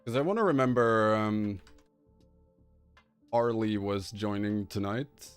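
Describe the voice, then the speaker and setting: A Swedish-accented man hosts a relaxed gaming stream, talking easily and laughing often. His voice sits a little low. Faint music plays underneath. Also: takes it slowly, clean tone. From Sweden. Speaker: streamer host. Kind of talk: casual gaming stream chat.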